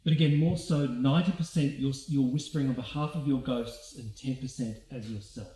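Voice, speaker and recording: Man, drama teacher, calm guiding instructions, mellow voice, far off in echoey studio. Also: medium pitch, fairly quick. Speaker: drama workshop leader. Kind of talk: instructing a movement class.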